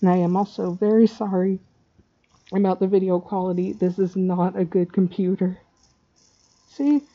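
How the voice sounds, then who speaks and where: A woman giving a casual software tutorial in a hesitant, scatterbrained way, her speech slightly slurred by a dental retainer. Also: medium pitch, normal speed, long pauses, highs cut off. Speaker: tutorial maker.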